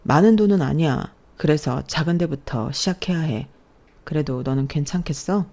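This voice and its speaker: Woman doing a gentle polite young man. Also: sits low, moderate pace. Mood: tender. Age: 30s. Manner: polite, soft-spoken.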